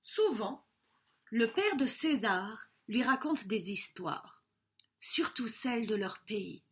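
Expressive woman reading a picture book. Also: fairly high pitch. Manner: slow, expressive storytelling with soft drops. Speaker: storyteller. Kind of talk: children's audiobook reading.

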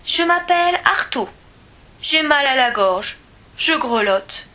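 A friendly, grateful spider from a children's storybook, as a woman reader puts him on. His voice is hoarse and husky. He speaks slowly and gently. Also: high-pitched, animated, voice pushed up, full character voice.

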